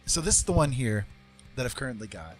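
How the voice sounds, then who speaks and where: Soft music plays behind this art-tutorial streamer as he talks quickly and casually through a painting session. His mid-range voice swings widely in pitch while he rambles and thinks aloud, often hesitating.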